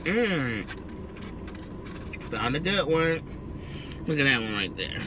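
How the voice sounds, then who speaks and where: An American mukbang vlogger chats casually to his viewers while eating, his fairly high voice swinging widely in pitch at a slow pace. He chews as he talks and hums with relish over the food. The recording is clear, with car ambience in the background.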